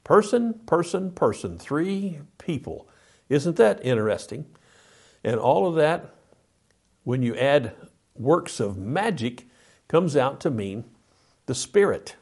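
A man's voice: fairly high pitch, sing-song, takes it slowly, gravelly, long pauses, breathy edge. A man teaching a Bible study lesson, walking through slides step by step and reading scripture aloud with emphasis.

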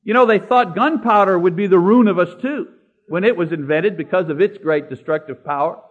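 A man preaching a sermon, slowing down to stress key words and citing scripture by chapter and verse. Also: sits high. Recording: dull lo-fi recording.

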